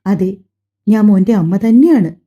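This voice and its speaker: Woman doing a shy gentle young wife, soft and hesitant, warm dark tone, lo-fi. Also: medium pitch, expressive, unhurried. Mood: tender. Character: gentle timid young wife, tender and tearful. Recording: slightly dull lo-fi audio.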